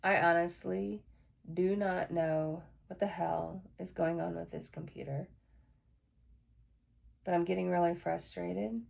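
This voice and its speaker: A woman's voice: on the low side, fairly even intonation, measured pace, creaky, long pauses, darkish tone. A woman hosting a casual solo podcast, chatty and frank, swearing now and then when frustrated. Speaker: podcast host.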